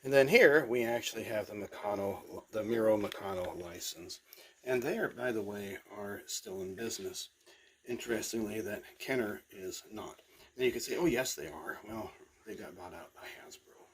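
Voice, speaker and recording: A middle-aged toy collector with a stuffy, congested, lowish voice casually shows off his collection at a moderate pace. He rambles, full of fillers and restarts, in show-and-tell fashion. The recording is rough, with slight background noise.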